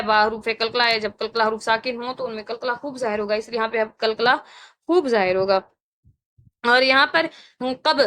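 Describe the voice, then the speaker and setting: A woman's voice: fairly high pitch, bright, forceful tone. A woman with a Pakistani Urdu accent teaching Quran recitation rules, explaining each rule and patiently repeating sounds several times for students to copy. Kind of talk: tajweed lesson with slow chanted recitation.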